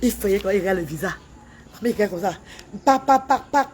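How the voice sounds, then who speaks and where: A woman's voice: medium pitch, animated, brisk, darkish tone, slight background noise. A woman who rants on a livestream, repeating herself as she pleads and scolds. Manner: emphatic, repetitive, pleading and scolding. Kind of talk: livestream rant.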